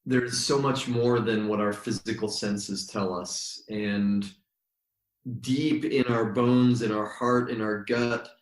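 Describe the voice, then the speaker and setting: A man who is a yoga teacher and guest, telling stories in a thoughtful, unhurried way with many pauses. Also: on the low side, fairly even intonation. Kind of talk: relaxed storytelling in conversation. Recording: roomy echo.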